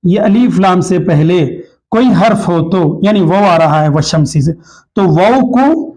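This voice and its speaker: A man with a Hyderabadi Urdu accent teaching a tajweed lesson, repeating each rule and slowly drawing out the Arabic example words. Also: sits high, animated, a little mellow. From Hyderabad, India. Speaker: Quran recitation teacher. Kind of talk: tajweed lesson, explaining rules.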